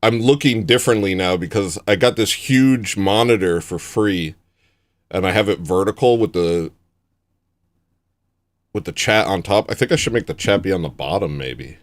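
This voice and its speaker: A man's voice: low-pitched, moderate pace. A young man hosting a casual livestream from his home setup, rambling, sarcastic and self-deprecating. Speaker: livestream host.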